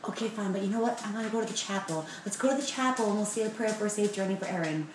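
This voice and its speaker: A devout, fussy mother presses for one more prayer in a hushed, insistent voice, as a woman puts her on in a storytelling vlog. The sound is a bit roomy, with a faint hum of ambience behind. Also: medium pitch, very fast, distant mic, close to an everyday voice.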